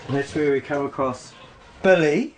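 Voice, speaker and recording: A man with a New Zealand accent rambles casually and with emphasis. His voice sits a little high. It is a noisy amateur location recording. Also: moderate pace. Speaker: interviewee showing his home and pets.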